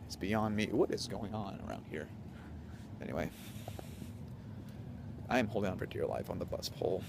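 A man's voice: fairly low pitch, moderate pace, creaky, noisy background. Hyper young man vlogging at night. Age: young adult. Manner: hyper, animated, swings between loud and whispering. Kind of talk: casual storytelling vlog. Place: outdoors on a city street at night. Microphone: handheld camera at arm's length.

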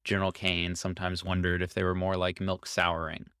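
Deep, smooth-voiced man narrating a story. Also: monotone, brisk, fairly bright tone, no room sound, clean studio sound. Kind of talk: scripted narration.

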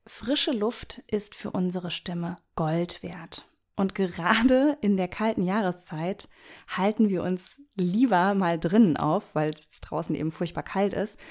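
A woman with a scratchy, hoarse voice from a cold, hosting a solo advice podcast and chatting directly to the listener as a voice coach. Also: medium pitch, a little mellow.

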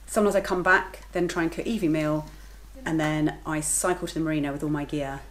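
In her home kitchen, a woman in her thirties, a vlogger, lifeguard and working mother, chats casually to the camera in a matter-of-fact way. Her voice is low, steady in tone and brisk.

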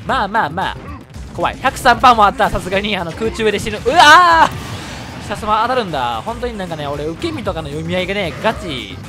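A man with a Kansai Japanese accent commentating his own fighting game matches, excitable and quick to shout and laugh at big plays. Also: high-pitched. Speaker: gameplay commentator. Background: background music.

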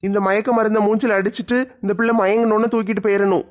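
A man's voice: high voice, flat delivery, quick pace, natural voice. A man voicing a guilty, reluctant kidnapper muttering to himself in a cartoon. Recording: dull lo-fi sound.

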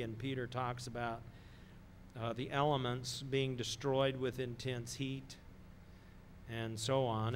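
A middle-aged man preaching a sermon in a slow, deliberate way, pausing often and stressing key words. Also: mid-range voice, a little hiss or hum. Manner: slow, deliberate delivery with pauses and emphatic stresses. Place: church sanctuary, speaking from a wooden pulpit.

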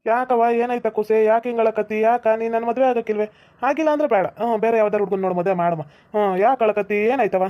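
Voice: mid-range voice, steady tone, fast, muffled recording, close to an everyday voice. A performer with a North Karnataka Kannada accent playing a fond, soothing uncle who works as a farm labourer. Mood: concerned.

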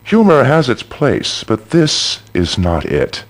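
A smooth robot radio host. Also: male voice, mid-range voice, wildly swooping pitch, takes it slowly. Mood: smooth, superior. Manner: smooth radio-host patter with sudden menacing swings. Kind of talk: video game radio show acting.

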